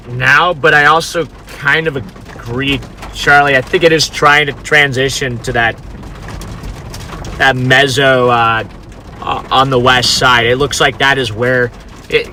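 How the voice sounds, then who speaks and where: Sitting in a car amid road noise and outdoor ambience, a storm chaser livestreams casual commentary, talking to his chat as the storm unfolds. He has a mid-range voice that is bright and forceful.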